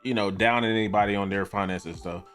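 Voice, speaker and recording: A man on a gaming stream, calmly giving his opinion and agreeing along. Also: lowish voice, fast, soft background music. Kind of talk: casual gaming chat.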